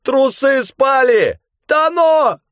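Male reader voices a loud bearded Siberian braggart, high and rowdy, storybook role. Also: animated, normal speed, no echo, clean studio sound. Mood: panicked shouting. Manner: loud, boisterous, shouting. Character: brash bearded Siberian man, show-off.

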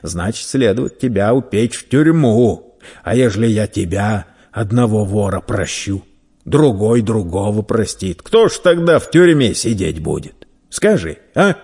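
A man voicing a burly red-bearded merchant who scolds and mocks a young thief loudly. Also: on the low side, expressive, unhurried, breathy edge, full character voice. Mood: scolding. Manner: loud, scolding, teasing.

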